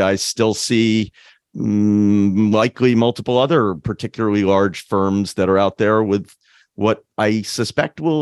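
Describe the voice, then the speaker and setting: A man with a low voice hosts a podcast interview, recorded dry and close. He talks in a halting way, restarting phrases and filling pauses as he builds his questions. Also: a little mellow, smooth, dry recording. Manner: halting, many restarts and fillers. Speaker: podcast host.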